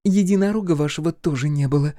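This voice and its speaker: A man doing a sharp-tongued female centaur. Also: high-pitched, normal speed, no room sound, studio quality, pitched above the performer's own voice, lightly acted. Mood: mocking. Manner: mocking.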